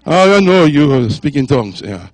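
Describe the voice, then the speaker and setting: Older male guest preacher, high voice, dry close sound, jokey and easygoing, slips between three languages. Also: very animated, a little slow, no room sound. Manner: jovial, joking with the congregation; mixes French, English and Spanish. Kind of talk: sermon. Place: church.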